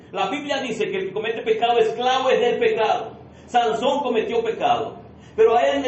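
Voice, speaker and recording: A man's voice: very high voice, a little hiss or hum. A man preaching a fervent sermon as pastor, firing off repeated rhetorical questions and calling his listeners beloved brothers. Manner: addresses the congregation as beloved brother. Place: church sanctuary. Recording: echoey room from far off, dull and lo-fi.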